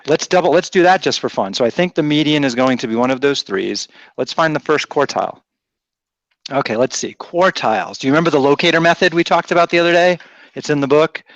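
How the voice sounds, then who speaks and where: This math instructor is a man from Rhode Island whose accent is faint and largely softened. He gives a classroom lecture in a teasing, conversational style, working things out aloud. His voice is mid-range and fairly bright, recorded without echo but with the highs cut off.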